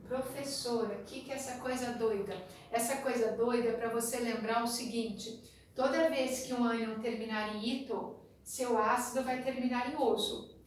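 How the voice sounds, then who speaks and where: A woman with a Brazilian Portuguese accent teaching a chemistry class in a chatty way, with a sing-song memory rhyme. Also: a little high. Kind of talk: classroom lecture. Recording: very echoey room, distant mic, faint noise.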